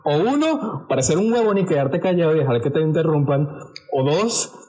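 A Venezuelan man chatting casually, his voice sitting a little high. He tells stories with lots of energy and slips into other people's voices as he goes. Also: moderate pace. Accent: Venezuelan Spanish. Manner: animated storyteller who acts out other people's voices. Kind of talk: casual chat.

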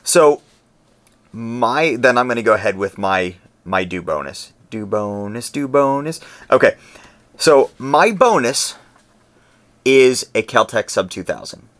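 A man co-hosting a podcast, talking in a relaxed, conversational way and explaining his points at length. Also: medium pitch, a little slow, long pauses. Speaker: podcast co-host. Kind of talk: casual podcast chat.

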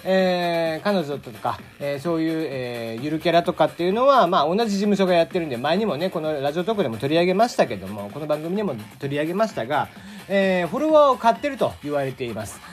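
Lively, chatty man hosting a solo talk show. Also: a little high, fast talker. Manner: chatty, rambling, self-correcting. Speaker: podcast host. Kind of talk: casual solo radio talk.

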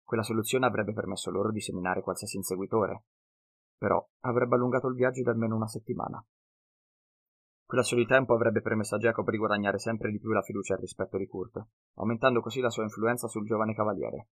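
A male audiobook narrator with a lowish voice reads a fantasy tale. His delivery is steady and measured, scripted storytelling with an even flow.

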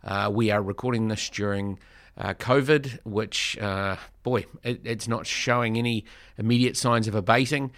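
A man introducing a podcast from a studio, relaxed and chatty. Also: lowish voice, moderate pace, dry recording. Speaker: podcast host, charity director.

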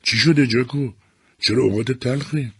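A man's voice: mid-range voice, a bit bright, slightly rough, no room sound, clean studio sound, pitched above the performer's own voice. A man voicing a cheerful, carefree young wife in a read-aloud story. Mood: lively.

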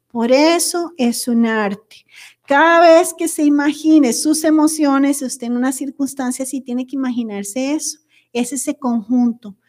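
High-voiced woman teaching. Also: darkish tone. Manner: conversational, tags sentences with a questioning aside. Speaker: workshop facilitator. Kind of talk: talk to a group on handling emotions.

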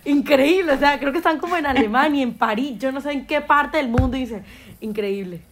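A young woman, a podcast guest who chats in an animated, gushing way. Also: high-pitched, fairly quick. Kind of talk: casual podcast chat.

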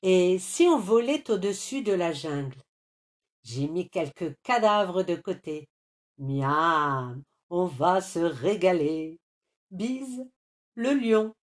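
A woman's voice: fairly low pitch, lively intonation, slow pace. A woman voicing a self-satisfied male vulture in a mock-grand, lilting way. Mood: smug.

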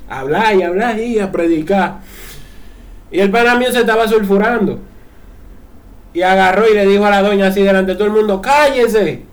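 Teasing Dominican co-host, higher voice. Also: male voice, steady tone, a little fast, long pauses. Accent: Dominican Spanish. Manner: teasing, laid-back banter. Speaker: podcast co-host. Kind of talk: casual chat.

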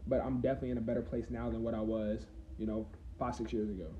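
A young man of around twenty hosts his own podcast and thinks aloud in a loose, rambling way, full of "you know" and restarts. His voice is mellow and middle-pitched. The recording is roomy and a little dull, with faint ambience behind him. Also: little pitch movement, quick pace, a little hiss or hum. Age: 20s. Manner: rambling, reflective, many fillers and restarts. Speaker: podcast host. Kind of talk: casual solo podcast talk.

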